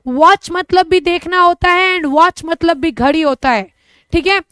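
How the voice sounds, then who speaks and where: A young teacher with an Indian accent runs a live online lesson, chatting and joking while switching between two languages. Her high, slightly bright voice is unhurried, and the audio is close and dry with no room or echo.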